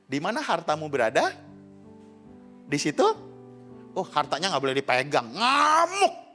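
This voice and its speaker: Lively middle-aged pastor. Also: male voice, a little high, normal speed, faint music behind. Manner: animated, joking, confessional asides to the congregation. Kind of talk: humorous sermon storytelling. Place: church service.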